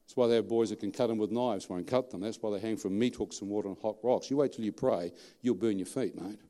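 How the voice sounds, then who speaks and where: Australian male preacher, middle-aged, colloquial storyteller, quizzes the crowd, warm mellow voice. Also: fairly low pitch, quick pace. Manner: animated, colloquial, asks the audience questions. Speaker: preacher giving testimony. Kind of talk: storytelling sermon.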